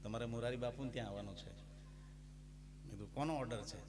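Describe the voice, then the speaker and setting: A man's voice: medium pitch, a little fast, background noise. A man with a Gujarati accent giving a devotional talk in a folksy, humorous storytelling manner, breaking into sung verses. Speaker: bhajan singer and spiritual storyteller. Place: devotional gathering with live music. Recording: music playing behind. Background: instrumental music.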